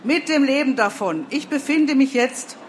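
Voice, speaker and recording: A woman's voice: high voice, animated, a little hiss or hum, pitched above the performer's own voice. A woman voicing a bossy, self-important young female TV reporter who orders everyone around. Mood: on-air. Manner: commanding, brisk, self-important.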